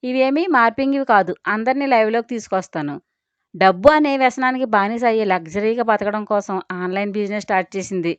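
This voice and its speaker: A woman's voice: medium pitch, a little fast, clear, resonant tone, no echo, natural voice. Ved, a woman doing a taunting, sneering young man. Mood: accusing. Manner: sharp, taunting. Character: sneering, mocking young man confronting a father. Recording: dry, dull lo-fi recording.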